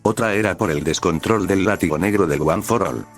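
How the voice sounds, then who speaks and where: A man reading his own fan fiction aloud as storyteller, in a plain, even way. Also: low-pitched, fairly quick, soft background music.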